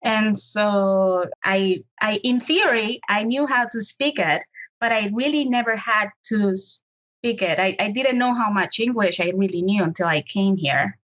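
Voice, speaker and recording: Here a guest, a Colombian Spanish speaker in her late thirties, responds to interview questions with care, often restarting while searching for the right word. Her voice is mid-range, a touch bright and a little slow, captured on poor audio.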